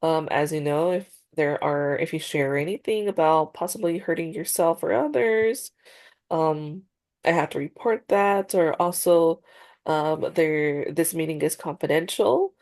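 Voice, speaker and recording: A woman takes the counselor's role in a video-call therapy practice session, speaking at a measured pace in a low-pitched, darkish voice. She sounds congested and a little nasal, and her hesitant speech is riddled with fillers and restarts.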